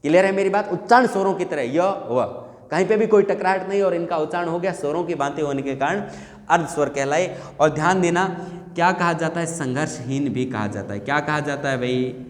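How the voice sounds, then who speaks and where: A man's voice: on the high side, a little fast. Echoey male teacher, quizzing himself. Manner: explains by asking questions and answering them himself. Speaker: Hindi teacher. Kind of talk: exam-prep grammar lesson. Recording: echoey room with long reverb.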